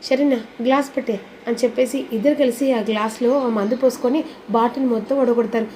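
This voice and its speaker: A woman narrating a TV serial recap in a brisk, dramatic storytelling manner. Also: on the high side, fairly even intonation, mellow, a little hiss or hum, rough recording.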